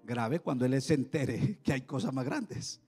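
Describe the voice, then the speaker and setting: A pastor preaching a sermon in a church hall, animated, with sudden loud peaks and drops. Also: male voice, medium pitch, a little slow, slightly rough, soft background music.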